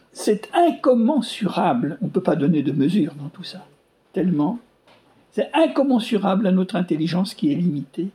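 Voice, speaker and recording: Mellow-voiced emphatic preacher. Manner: emphatic, rhetorical questions, sweeping pitch rises; repeats phrases in lists for emphasis. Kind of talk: sermon.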